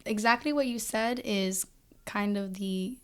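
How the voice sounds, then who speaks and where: Singer lady on a podcast, loose and chatty, mid pitch, swears a bit. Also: unhurried. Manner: casual, many "like" fillers, swears. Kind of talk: casual podcast conversation. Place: podcast studio.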